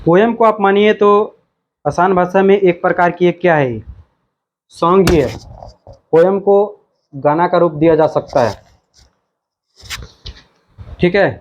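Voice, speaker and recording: A man's voice: high voice, lo-fi sound, a little hiss or hum. A male teacher explaining a textbook lesson, repeating himself and reading words out one by one. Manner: slow, repetitive, reads words out one by one.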